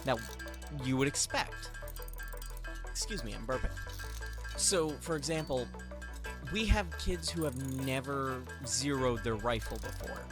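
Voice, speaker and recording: A man chats casually on a podcast, spinning a story and acting out what each person said. Music plays clearly behind his voice. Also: mid-range voice, unhurried, pauses often. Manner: animated storyteller, acts out quotes. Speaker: podcast host.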